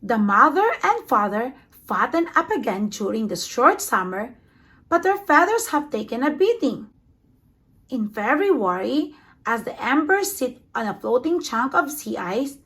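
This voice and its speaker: Unhurried and high-voiced, this storybook reader brings a children's picture book to life with expressive narration. She gives the sound words special emphasis.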